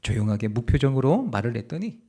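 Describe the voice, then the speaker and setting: Gravelly, animated male pastor preaching. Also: medium pitch. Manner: animated, acts out dialogue in quoted voices; swings between loud urging and hushed, slow delivery. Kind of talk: sermon.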